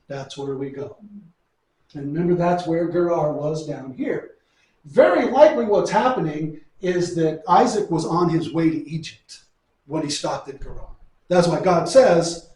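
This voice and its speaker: A man's voice: on the high side, expressive, measured pace, a little mellow. A middle-aged man from New Mexico teaching a Bible lesson in a folksy, storytelling way, asking and answering his own questions. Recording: echoey room, far from mic.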